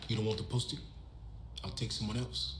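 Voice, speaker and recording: An actor playing a stern male police commander who speaks in a measured, authoritative way in a crime TV drama. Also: fairly low pitch, steady tone, natural voice. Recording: roomy TV clip.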